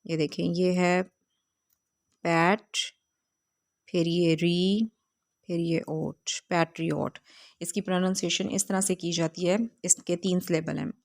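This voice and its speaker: A woman teacher records a video lesson, reading English sentences slowly and carefully and explaining them with frequent pauses and fillers. Her voice sits fairly low and stays flat, with little rise or fall. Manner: hesitant fillers while explaining.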